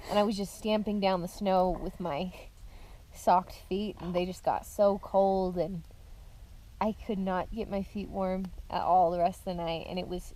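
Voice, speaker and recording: A woman telling a camping story in a relaxed, casual way, with fillers, outdoors at a winter campsite. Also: mid-range voice, poor audio. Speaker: host's wife.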